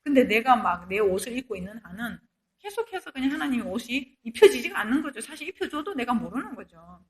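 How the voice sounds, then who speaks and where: Animated woman teaching a Bible lecture. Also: on the high side, fast talker. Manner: conversational, asks rhetorical questions, acts out quoted inner voices. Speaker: pastor's wife giving a Bible lecture.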